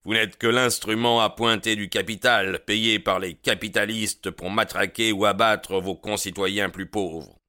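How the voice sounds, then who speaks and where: A man's voice: on the low side, fairly even intonation, a little slow, hardly any pauses, bright, forceful tone, pitched above the performer's own voice. A man reading a cold, scornful saloon boss. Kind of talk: audiobook character reading.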